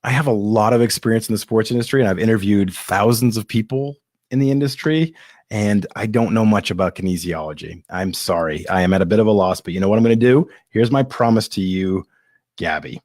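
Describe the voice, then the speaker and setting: A man's voice: on the low side, brisk, a little mellow, no room sound, clean studio sound. A male podcast host answering live audience questions in a candid, self-deprecating, rambling way. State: coughing and hiccuping at times. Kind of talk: live-streamed casual Q&A.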